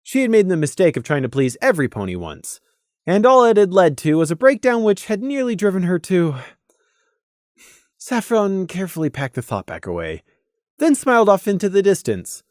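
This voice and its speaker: Dramatic and expressive, this audiobook narrator reads a written piece of fiction aloud. Expect a lively mid-pitched intonation, measured pauses, and a dry, echo-free recording with little room presence.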